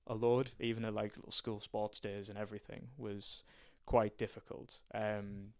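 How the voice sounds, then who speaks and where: A young man from County Durham, England, guests on a casual podcast interview, where he works as a strength and conditioning coach. His voice sits fairly low with a level, somewhat dark tone and a moderate pace. He talks hesitantly about his background, full of ums and restarts.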